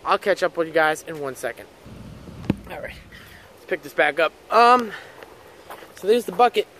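High-voiced young man vlogging, some background noise. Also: expressive, moderate pace, fairly bright tone. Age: 20s. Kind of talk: casual vlog chat to viewers. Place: mostly outdoors in a yard and driveway. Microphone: camera on selfie stick at arm's length. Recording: outdoor noise, handheld camera.

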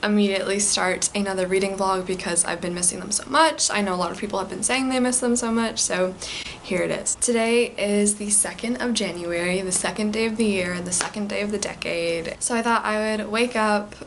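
A woman's voice: medium pitch, fairly even intonation, fairly quick, a little hiss or hum. A young woman vlogging casually from home, chatty and gushing. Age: young adult. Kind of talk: casual reading vlog chat.

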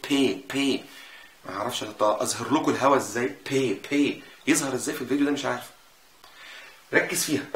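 A man with an Egyptian Arabic accent teaching a casual language lesson, repeating sounds slowly to show them. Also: mid-range voice, a bit bright. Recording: echoey room with faint noise.

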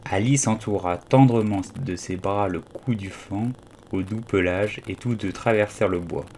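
A man reading an audiobook aloud in a calm storytelling manner. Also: on the low side, normal speed, a little hiss or hum. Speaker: audiobook reader. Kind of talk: audiobook narration.

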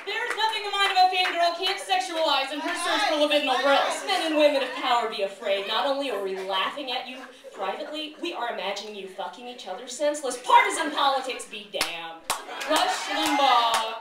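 A woman's voice: sits high, lively intonation, fairly quick, heavy background noise. A woman giving a comic spoken word performance live on stage, reading in a theatrical, mock-dramatic way. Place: live venue indoors, an art gallery. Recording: echoey room from far off, loud audience laughter. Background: loud audience laughing.

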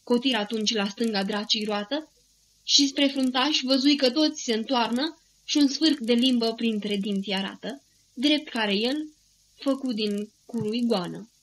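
A woman narrating an audiobook of epic verse in a measured, steady recitation. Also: a little high, a little hiss or hum, rough recording.

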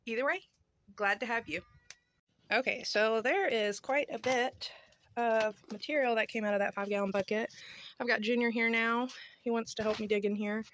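Standing outside on her porch with a handheld phone, a woman in her thirties casually walks viewers through a homestead how-to. She speaks at a moderate pace in a somewhat bright, high-leaning voice, chatty and informal.

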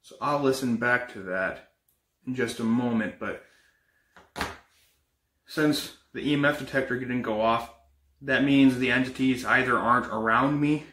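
A man plays an uneasy young paranormal investigator in a found footage horror film. His mid-pitched voice is bright and a little tense, with halting, casual, improvised phrasing. The amateur camera audio carries clear room echo. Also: close to an everyday voice. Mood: uneasy, matter-of-fact. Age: young adult. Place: indoors, bedroom and kitchen.

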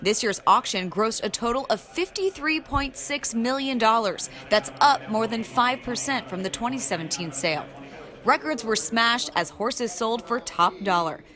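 A woman's voice: fairly high pitch, lively intonation, normal speed, pushed and bright. A woman reporter presenting a broadcast feature, upbeat and playful as she interviews people.

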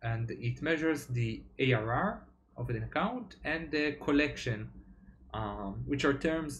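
A young man, a software developer, giving a tech talk over slides, explaining step by step with frequent fillers. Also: medium pitch, a little hiss or hum.

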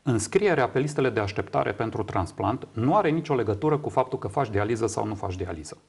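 A Romanian man in his fifties, a kidney patient advocate, is a guest in a studio interview, explaining things emphatically and repeating words for agreement. His medium-pitched voice is animated, creaky and darkish with a breathy edge. He is recorded on a lapel mic in a small indoor TV studio.

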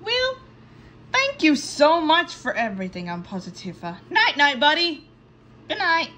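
A woman voicing a small, gentle young cartoon character who talks in a soothing, tender bedtime manner. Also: high-pitched, huge pitch swings, measured pace, exaggerated voice. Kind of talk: animated children's show voice acting.

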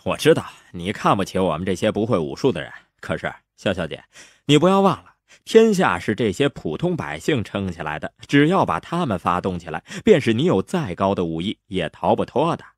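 A man reading an audiobook, voicing a glib, cocky young man in easygoing, lively banter. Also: on the low side, a little fast, dry recording, studio quality. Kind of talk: audiobook character voice.

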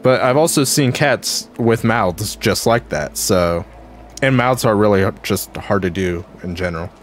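A man with a fairly low voice chats casually over his gameplay from home. He rambles, trailing off into "like" and "um" as he talks. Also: animated, a little slow, a little hiss or hum. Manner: chatty and rambling, many fillers like "like" and "um". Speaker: game streamer.

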